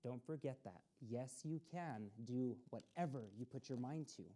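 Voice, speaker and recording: She has a very deep, dark voice and keeps a moderate pace. Reading a picture book to children on a community TV storytime from an access studio, she talks straight to them and encourages them throughout.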